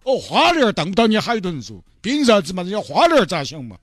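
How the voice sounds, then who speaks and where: A man with a Sichuanese accent voicing a blunt, grumpy male fish seller who talks in a gruff, dismissive way. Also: high voice, wildly swooping pitch, fast talker, no echo, studio quality, faint music behind, pitched above the performer's own voice, full character voice.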